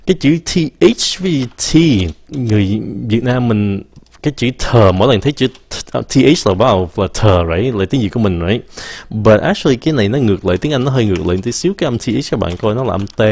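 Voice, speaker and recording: Low-voiced man teaching English pronunciation. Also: expressive, darkish tone. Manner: stops to demonstrate words slowly, mixes English phrases into his talk. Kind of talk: casual live-stream lesson, answering viewer questions.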